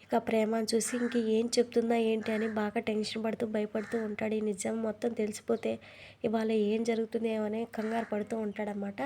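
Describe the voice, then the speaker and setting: A woman retelling a TV serial episode in plain, flat storytelling with repeated fillers. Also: a little high, a little fast, slight background noise. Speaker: narrator.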